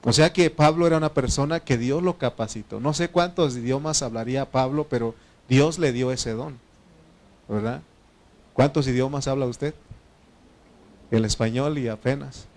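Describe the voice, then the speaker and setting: A man's voice: mid-range voice, normal speed. Man, pastor from Oaxaca, Mexican Spanish accent, second-language speaker, chatty sermon delivery with fillers and questions to the room. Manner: conversational, asks the congregation questions; frequent fillers and self-corrections.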